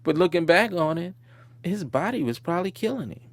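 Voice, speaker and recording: A man's voice: sits high, expressive, a little fast, gravelly. A man being interviewed, recalling his childhood in a reflective way and chuckling now and then. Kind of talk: personal storytelling interview.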